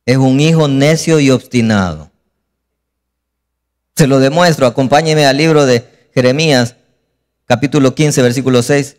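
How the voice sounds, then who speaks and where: A man preaching a sermon as pastor, lively and acting out scenes. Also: mid-range voice, in a large hall.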